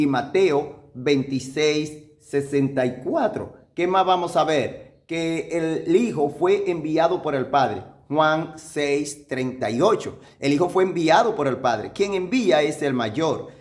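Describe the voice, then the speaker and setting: Emphatic pastor with a higher voice. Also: male voice, a little mellow. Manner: repetitive, emphatic, reasoning step by step with rhetorical questions; slows down to read verses aloud. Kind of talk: sermon-style Bible teaching.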